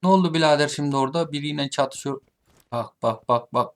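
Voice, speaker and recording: A man giving gameplay commentary, taunting his opponents, muttering at some moments and shouting at others. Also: fairly high pitch, a little fast, slight background noise. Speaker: gaming streamer. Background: game gunfire.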